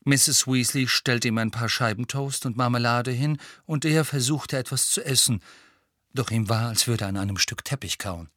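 A man reads an audiobook with clear, expressive storytelling at a middling pitch. The recording is dry and close, as from a studio booth. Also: moderate pace, no echo. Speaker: narrator. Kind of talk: audiobook reading.

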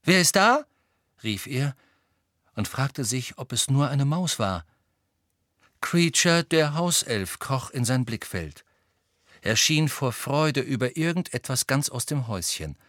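A man reading an audiobook in measured, even scripted narration. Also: mid-range voice, no echo, studio quality.

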